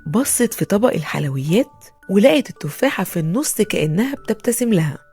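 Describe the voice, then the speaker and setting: A woman with an Egyptian Arabic accent narrating a children's bedtime story in an expressive, soothing way. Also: medium pitch, fairly quick, slightly rough, faint music behind.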